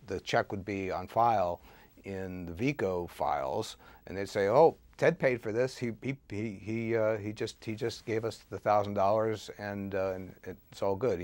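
A man giving a detailed, deliberate explanation as an interview guest, often pausing and restarting. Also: low voice, dry recording.

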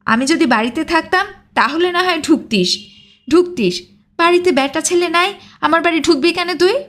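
A woman's voice: extremely high pitch, moderate pace, fairly bright tone, pitched above the performer's own voice. A woman voicing a proud, hot-tempered village blacksmith who scolds indignantly in a storybook reading. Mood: angry.

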